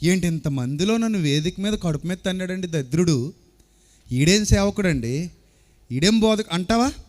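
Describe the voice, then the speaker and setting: A man preaching a sermon to a congregation from a church stage, animated and firing rhetorical questions at the listeners. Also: high-pitched, moderate pace. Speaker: pastor.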